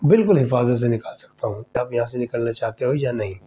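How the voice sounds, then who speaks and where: A man's voice: medium pitch, slight background noise, natural voice. A man doing a friendly unseen spirit. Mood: reassuring. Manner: soft, reassuring, secretive. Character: invisible male spirit, friendly, whispering helper. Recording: dull lo-fi recording.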